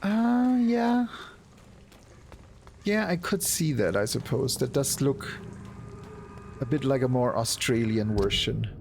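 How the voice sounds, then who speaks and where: A man's voice: mid-range voice, expressive, measured pace, creaky, a little hiss or hum. A man streaming a game, chatting casually and laughing at himself often. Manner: self-deprecating, laughs often. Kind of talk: casual gameplay chat.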